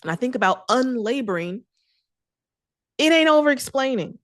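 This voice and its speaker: A woman's voice: high voice, animated, moderate pace, a bit bright, dry recording, studio quality. A young adult woman telling a personal story to her viewers in a casual, chatty way. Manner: conversational, chatty, with fillers and asides. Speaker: self-care vlogger.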